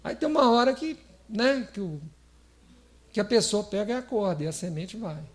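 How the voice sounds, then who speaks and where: A Brazilian man with a high voice and wide pitch swings speaks at a normal pace. In the lecture hall of a spiritist center, he gives a chatty, playful spiritist lecture, laughing often and posing questions to his audience.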